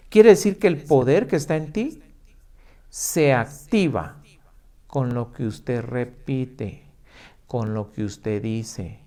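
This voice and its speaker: A man's voice: mid-range voice, warm tone. A male pastor preaching emphatically, asking the listener rhetorical questions and acting out their objections. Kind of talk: sermon.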